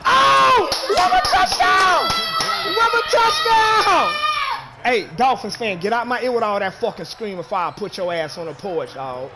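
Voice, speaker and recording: A man with a high voice talks briskly, with few pauses, while streaming a football video game. He's profane and rowdy, cursing, shouting and jeering at his opponent, with loud stadium crowd noise from the game behind him.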